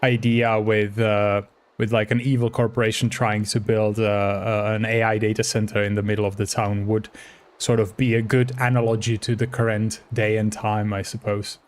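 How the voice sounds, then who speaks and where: A man's voice: on the low side, little pitch movement, normal speed. A man from the Czech Republic, speaking English with a Czech accent as a chatty, playful streamer who often laughs while commenting on his gameplay.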